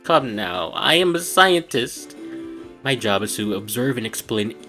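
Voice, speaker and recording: A man's voice: medium pitch, animated, measured pace, sharp tone, faint music behind, heavily acted. A man voicing a cheerful, clumsy older male professor in a video game, hearty and raised.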